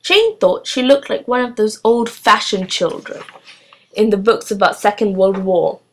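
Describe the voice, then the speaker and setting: Woman, mid-pitch, steady storybook reader for a children's novel. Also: unhurried. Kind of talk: reading a children's novel aloud.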